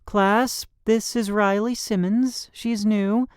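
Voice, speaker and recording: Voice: medium pitch, steady tone, slow, smooth, dry recording, studio quality, voice pushed up, natural voice. An audiobook narrator voicing a stern adult woman teacher, formal and commanding, in a raised voice. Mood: welcoming.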